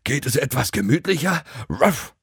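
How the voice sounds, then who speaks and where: A man's voice: mid-range voice, sing-song, normal speed, creaky, fairly bright tone, slightly rough, no room sound, clean studio sound, pitched above the performer's own voice, exaggerated voice. A man voicing a cheerful, playful male dog in a storybook reading, panting and barking between his words. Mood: whiny. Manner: pants and barks between words.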